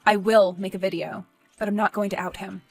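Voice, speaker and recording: A woman voicing a gentle, principled young male teacher in an animated story, speaking softly and earnestly. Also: mid-range voice, a little fast, creaky, no echo, faint music behind. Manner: soft, subdued, earnest.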